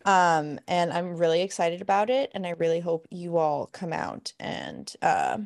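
A woman's voice: fairly low pitch, very animated, unhurried, vocal fry. A young woman hosting a podcast, playful and chatty with casual slang. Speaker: podcast host. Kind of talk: casual interview conversation.

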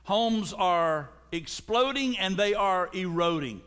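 A man's voice: high-pitched, expressive, slow, fairly bright tone, smooth. A man preaching a sermon as pastor, joking and calling out to his congregation. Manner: humorous, calls out to the congregation. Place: church sanctuary. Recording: long echoing church reverb.

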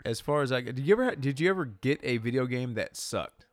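A man's voice: medium pitch, animated, a little fast, dry recording. Rambling crude man in his thirties. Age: 30s. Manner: rambling, crude, joking, many restarts. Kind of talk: casual chat.

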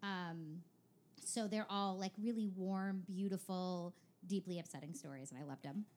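A woman's voice: lowish voice, moderate pace, a little mellow. A woman co-hosting a podcast in casual chat, wordy and informal, with some swearing. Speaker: podcast co-host.

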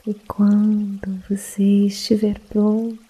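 A woman guiding a sleep meditation in a soft, breathy, partly whispered voice, hushed and calming as if late at night. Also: medium pitch, slow pace, poor audio. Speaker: meditation guide.

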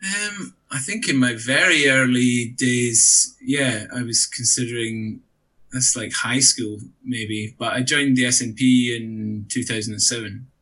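A man's voice: medium pitch, unhurried, bright, forceful tone. A man from Shetland with a Shetland Scottish accent, giving chatty, conversational answers as an interview guest. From Shetland, Scotland. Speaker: interview guest, election candidate.

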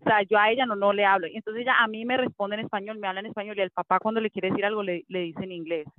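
A mother appearing as a guest chats casually about raising her daughter, sprinkling English fillers into her speech. She talks rapid-fire at a medium, steady pitch. The audio is thin, phone-like and dry, with no echo.

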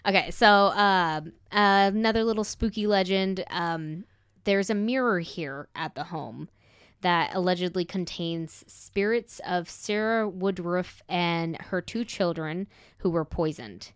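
A young woman with a light Southern accent chats casually, tossing in quick asides and laughs. Her voice sits a little low and comes across smooth and resonant. The sound is close and dry, with no room around it. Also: no echo. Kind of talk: casual chat.

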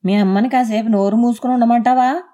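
A woman's voice: mid-range voice, a little fast, warm tone, lightly acted. A woman reading aloud voices a harsh, mocking young husband who bullies his wife. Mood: scornful. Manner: mocking and bullying. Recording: dull lo-fi.

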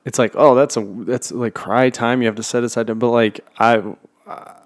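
A man in casual conversation, giving soft affirmations and then talking openly about his own feelings. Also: medium pitch, moderate pace. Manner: relaxed listener, frequent soft affirmations, speaks openly when it's his turn. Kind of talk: casual personal chat.

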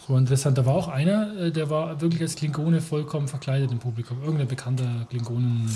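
A man's voice: medium pitch, quick pace, mellow. A man from Germany in casual conversation as a podcast co-host, chatty, easily sidetracked, laughing often. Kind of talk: casual chat.

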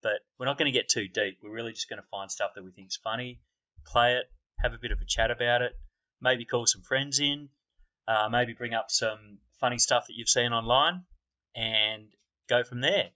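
Male podcast host, dry deadpan banter, bright voice, lo-fi sound. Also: medium pitch, normal speed. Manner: dry, deadpan, self-mocking humor. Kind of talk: casual joking podcast chat. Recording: dull lo-fi sound.

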